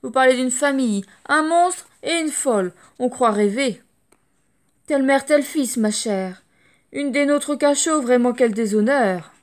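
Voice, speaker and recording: A woman's voice: sits high, lively intonation, unhurried. A woman voicing snooty, gossiping female elephants in a storybook. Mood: scornful. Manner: loud, scornful and catty.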